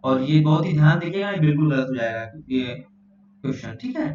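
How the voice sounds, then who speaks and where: A man's voice: on the high side, expressive, brisk, darkish tone. A man teaching an exam-prep lesson, reading out questions and answer options. He repeats phrases and keeps checking in with his listeners. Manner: repeats phrases, often says "theek hai" and "doston". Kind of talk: spoken exam question walkthrough. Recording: echoey, distant, muffled, faint hum.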